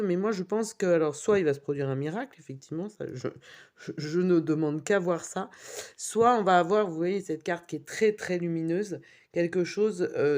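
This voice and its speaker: A woman's voice: low voice, a little mellow. A woman giving a weekly tarot reading, reading out card meanings with wry asides. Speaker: tarot reader.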